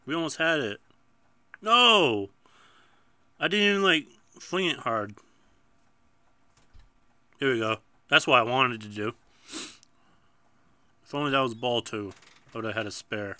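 A man's voice: mid-range voice, expressive, measured pace, pauses often, bright, forceful tone, dry recording. A man with a stuffy nose chatting casually through a mobile bowling game, mocking himself and bursting out at his misses. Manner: chatty, self-mocking, sudden outbursts at misses. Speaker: gameplay video host.

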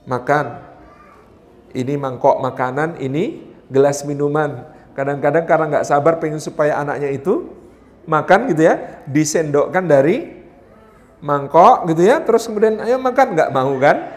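A man with a fairly high voice gives a lively parenting talk to a hall full of mothers. He swings between earnest advice and playful little scenes, voicing mothers and children in turn. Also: moderate pace, long pauses. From Indonesia. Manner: animated, acts out mother and child voices, addresses mothers directly. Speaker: preacher at a parenting seminar. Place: hotel function hall.

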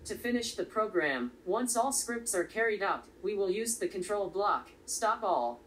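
A woman presenting a step-by-step coding tutorial in a steady, explanatory way. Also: medium pitch, normal speed. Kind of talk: step-by-step software tutorial narration. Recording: slightly distant voice with faint background noise.

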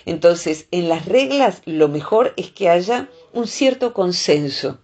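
A woman with a Rioplatense Spanish accent, a psychologist explaining relationships in a thoughtful way, pausing often to gather her thoughts. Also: lowish voice, expressive, a little mellow, lo-fi sound. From Argentina. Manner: thoughtful, explaining with frequent hesitations.

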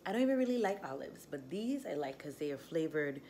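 Crucian lady from the virgin islands vlogging, kinda low voice, casual, bit of noise on the phone mic. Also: big pitch swings, quick pace, mellow. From St. Croix, US Virgin Islands. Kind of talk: casual vlog chat. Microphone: phone at arm's length. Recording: noisy handheld phone recording.

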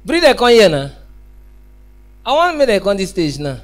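Young Nigerian man, Nigerian accent, high voice, loud teasing stand-up comic on a live stage mic. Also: very animated, moderate pace. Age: young adult. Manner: loud, teasing banter with the crowd. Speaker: stand-up comedian hosting his own show. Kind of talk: stand-up comedy in Pidgin. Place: large indoor theatre stage with live band. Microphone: handheld microphone. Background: music and crowd.

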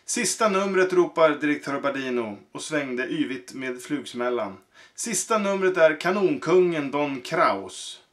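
A man's voice: a little high, animated, close to an everyday voice. A man reading aloud and voicing a pompous male circus ringmaster with grand announcing delivery.

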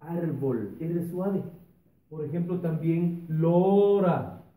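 A man, a primary school teacher giving a remote lesson to children, drawing out each sound slowly. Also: a little high, distant mic, narrow, tinny audio. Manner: slow, drawn-out pronunciation of sounds for children. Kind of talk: remote classroom lesson with a sung opener. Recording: echoey room, voice off-mic, light music.

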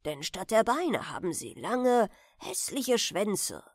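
Lady reader doing a slow old grandpa, low gravelly voice, musing, storybook bedtime feel. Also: big pitch swings, no echo, studio quality, full character voice. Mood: solemn. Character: gentle old grandfather, a retired sea pilot.

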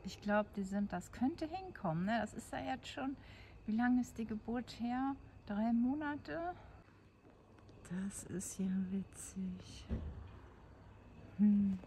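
An older woman talks casually into her phone for a home vlog, her voice mellow and warm. She often drops to a soft whisper when she speaks to the animals. A faint hiss of background noise sits under the recording. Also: on the high side, animated, a little slow. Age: 60s. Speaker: vlogger. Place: outdoors, then at home at night.

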